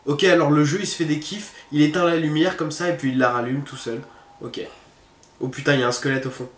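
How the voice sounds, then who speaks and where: A man's voice: fairly high pitch, steady tone, a little fast. A man giving casual let's-play commentary, thinking aloud and chatting informally to his viewers. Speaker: gamer hosting a horror game video. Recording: roomy echo, faint background noise.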